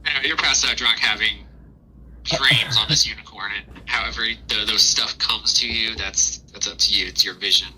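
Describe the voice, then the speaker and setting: A man's voice: fairly low pitch, steady tone, normal speed, pushed and bright, slightly rough, rough recording. A man narrating a tabletop game as game master in a casual, informal, conversational way. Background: music.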